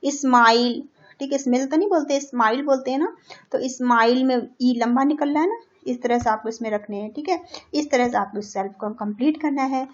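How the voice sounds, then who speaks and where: A woman teaching a primary school English lesson. She reads the English lines slowly and loudly, explains each word in Hindi and checks in with "theek hai". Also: high-pitched. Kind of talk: classroom lesson for young children. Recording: dull lo-fi recording.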